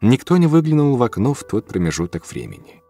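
A man narrating a story in a calm, measured audiobook reading. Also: medium pitch, soft background music. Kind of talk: scripted first-person narration.

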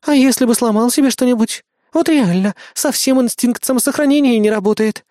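Reader doing a blunt, sneering woman assistant, voice pushed high, close and dry. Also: brisk, dark tone, no echo, close to an everyday voice. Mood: exasperated. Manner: scolding, mocking. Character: sarcastic female assistant, blunt and exasperated.

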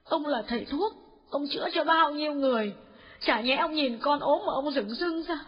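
A man voicing an anxious elderly mother who pleads with her husband in a high, tearful tone. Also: moderate pace. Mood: imploring. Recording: dull lo-fi audio with faint music.

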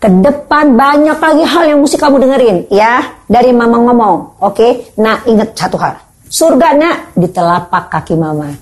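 Older lady at a parenting seminar, animated, keeps asking the crowd stuff and doing parent voices. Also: a little high, normal speed. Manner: lively, acts out scolding parents, asks audience questions. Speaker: parenting speaker.

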